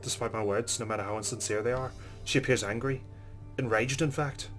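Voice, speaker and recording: A man hosting a let's play reads visual novel narration aloud and adds casual asides in a recorded voice-over. His medium-pitched, slightly bright voice is fairly quick with fairly even intonation, and soft game music plays behind.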